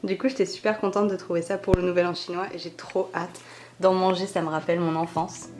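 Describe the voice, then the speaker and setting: A woman's voice: on the low side, level tone, fairly quick. A young woman narrating a casual food vlog, gushing with enthusiasm about each dish. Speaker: food vlogger.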